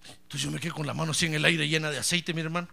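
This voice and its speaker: A man's voice: on the high side, steady tone, racing, gravelly, sharp tone. A middle-aged man, a pastor, preaching a sermon and acting out both sides of a story's dialogue, calling his listeners brother. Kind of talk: sermon with acted anecdote.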